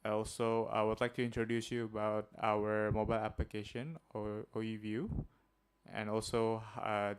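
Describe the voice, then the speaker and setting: A man's voice: lowish voice, smooth. A man from Indonesia with an Indonesian accent, giving a friendly workshop presentation with many filler uhs. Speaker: guest presenter. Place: seminar room.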